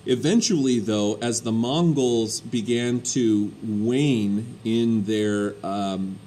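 A male history teacher giving a recorded lecture in a conversational way, often pausing with ums and uhs. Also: lowish voice, mellow, slight background noise.

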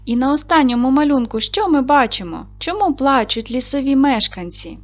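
A woman teaching a recorded primary school lesson, patiently asking questions and slowly spelling out sounds and syllables. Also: high voice, animated. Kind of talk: recorded video lesson for children.

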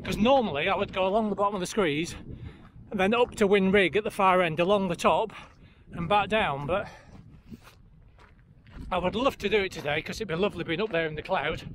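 A man's voice: high-pitched, fairly quick, fairly bright tone. A middle-aged man talking casually to camera while running outdoors, active and exerted, as he films a vlog. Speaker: running vlogger. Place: outdoors on open fell trail by a lake. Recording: clear outdoor background noise.

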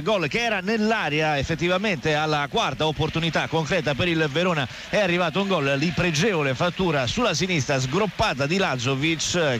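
An Italian man giving excited, urgent live football commentary on the radio. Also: fairly high pitch. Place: outdoor football stadium. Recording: noisy outdoor stadium radio broadcast. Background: loud stadium ambience.

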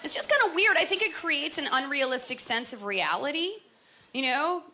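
A woman's voice: high voice, animated, normal speed, a little hiss or hum. A young woman doing a stand-up comedy set, chatty and self-mocking, acting out bits in put-on voices. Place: comedy club stage. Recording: live club with loud crowd laughter. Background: audience laughing.

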